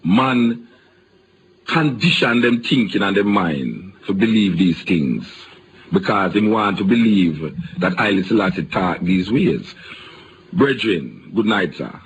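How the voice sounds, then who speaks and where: A Jamaican man hosting a radio interview, telling stories in animated patois. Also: low voice, measured pace, noisy background. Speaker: radio host.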